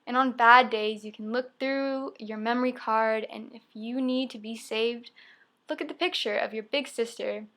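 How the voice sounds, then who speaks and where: Reading her spoken-word poetry, a young woman delivers short, emphatic lines with plenty of expression. She speaks at normal speed in a slightly high, fairly bright voice.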